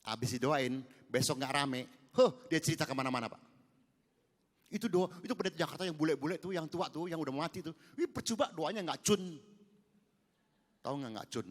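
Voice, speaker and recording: High-pitched guy preaching, goes from quiet to really loud, long echo in a big church. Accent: Indonesian. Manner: animated, swings from hushed asides to loud exhortation. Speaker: pastor. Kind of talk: sermon. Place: large church hall.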